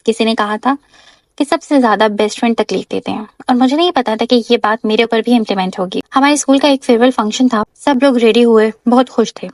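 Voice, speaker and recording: A young woman narrating a first-person story in a soft, heartfelt voice-over. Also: on the high side, no room sound.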